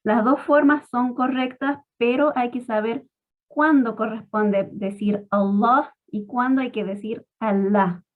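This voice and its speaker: A woman teaching Quran recitation rules in a patient, step-by-step way, slowly modelling each pronunciation. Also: a little high, fairly even intonation. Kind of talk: online tajweed lesson. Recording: tinny phone-like audio.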